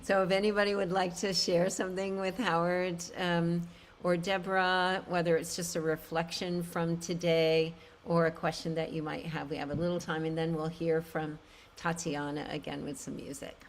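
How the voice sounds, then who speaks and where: A woman hosting and moderating an online group call, gently calling on participants. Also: on the low side, level tone, moderate pace. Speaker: call host and facilitator.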